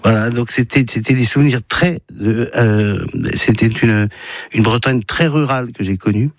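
A man in his sixties from the Paris region, a filmmaker telling his life story as a guest in a radio interview. He talks haltingly, often restarting and repeating words. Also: medium pitch, dry recording. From Paris region, France.

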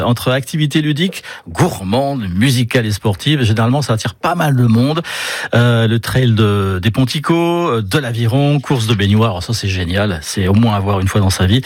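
A man's voice: mid-range voice, dry recording, clean studio sound. A man hosting a local radio morning show, chatting casually with many fillers and light jokes. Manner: chatty, filler-heavy, laughs at own jokes. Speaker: radio host.

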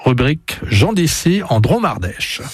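A male reporter reading a scripted news feature voice-over. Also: mid-range voice. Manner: lively, measured voice-over delivery.

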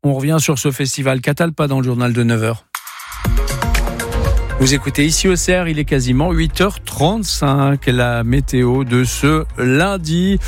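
A man's voice: medium pitch, moderate pace, faint music behind. A man presenting the morning local radio news, reading bulletins steadily with short casual asides.

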